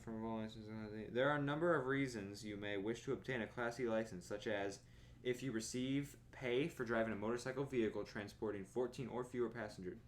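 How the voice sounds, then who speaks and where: A young man streaming from his bedroom, reading a driver's manual aloud in a plodding monotone with tired asides. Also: on the low side, brisk, slight background noise. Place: bedroom at home.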